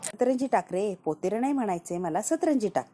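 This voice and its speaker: A woman voicing a sharp-tongued elderly grandmother who scolds and gives orders, in a retold TV serial scene. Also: mid-range voice, animated, a little fast, a little hiss or hum, close to an everyday voice. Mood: bossy. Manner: scolding, commanding.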